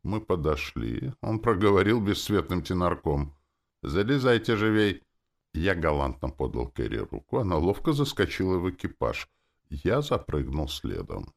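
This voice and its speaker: A man's voice: sits low, big pitch swings, normal speed, vocal fry. A man reading a first-person story aloud, dry and ironic. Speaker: audiobook reader. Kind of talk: first-person audiobook narration.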